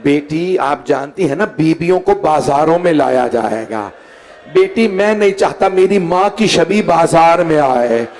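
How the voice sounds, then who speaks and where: A man preaching a majlis sermon voices a grieving father who gently consoles his sick daughter, speaking slowly and softly. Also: on the high side, expressive. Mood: tender.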